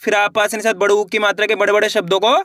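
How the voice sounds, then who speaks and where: A man's voice: sits high, flat delivery, quick pace, a bit bright. A man teaching an online reading lesson, sounding words out syllable by syllable and then blending them, encouraging his viewers as friends.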